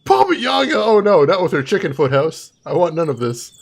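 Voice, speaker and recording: High, husky, animated male game streamer. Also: a little fast. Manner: playful, chatty, theatrical asides. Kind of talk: casual live game commentary.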